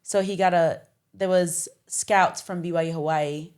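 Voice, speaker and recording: A woman's voice: fairly low pitch, fairly even intonation, unhurried, darkish tone, clean tone. A young woman from Liberia, a podcast guest, telling her childhood story in a casual interview with many fillers.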